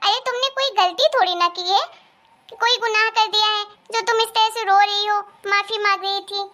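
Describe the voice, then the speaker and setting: A woman voicing a firm but loving mother-in-law in a cartoon family story, reassuring and gently lecturing. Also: very high-pitched, fairly even intonation, moderate pace.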